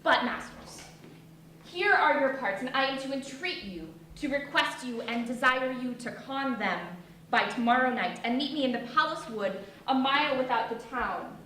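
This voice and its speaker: A woman's voice: high voice, expressive, normal speed, bright, forceful tone. A woman playing an earnest, firm troupe organiser, declaiming in a Shakespeare stage comedy. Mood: coaxing. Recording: echoey hall, distant mic, faint noise.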